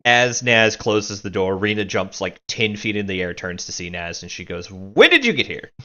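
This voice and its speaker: A woman narrating a tabletop game as game master, casual and halting. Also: rumbling low, steady tone, sharp tone, dull audio.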